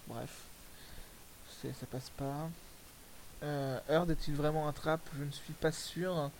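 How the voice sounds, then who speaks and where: A man's voice: on the high side, fairly even intonation, takes it slowly, a little hiss or hum, rough recording. A man giving casual, rambling commentary over video clips, correcting himself often and using crude slang. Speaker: commentator reviewing fan music videos.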